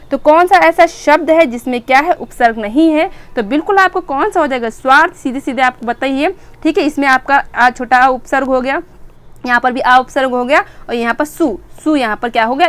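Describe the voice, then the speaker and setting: Woman, high voice, grammar lesson, asks and answers her own questions, repeats key words. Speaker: teacher. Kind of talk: exam-prep grammar lesson.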